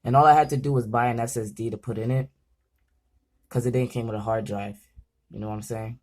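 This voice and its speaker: Young male vlogger, jittery and chatty, trips over words while setting up a PC; mid pitch. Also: steady tone, a little fast, a little mellow. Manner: nervous, rambling, stumbles over words. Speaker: gaming channel host. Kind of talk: casual vlog commentary.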